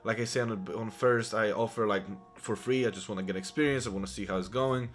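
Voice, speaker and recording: His lowish voice moves fairly quickly over faint background music. He's a vlogger from Poland in his thirties, Polish-accented, casually telling his life story to camera with lots of rambling and restarts.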